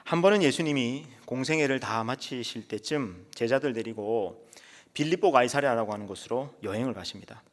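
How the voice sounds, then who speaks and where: A man's voice: mid-range voice, fairly quick. Man preaching with dramatic storytelling. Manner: dramatic storytelling, phrases trailing to a whisper. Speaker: pastor. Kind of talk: sermon. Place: church sanctuary. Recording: long church reverb.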